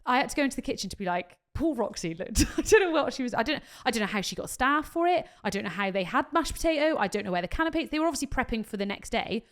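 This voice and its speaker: A woman's voice: on the high side, lively intonation, fast talker, few pauses, fairly bright tone. A woman in her thirties, co-hosting a podcast as a casual, swearing storyteller who laughs often. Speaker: podcast co-host. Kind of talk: casual chat.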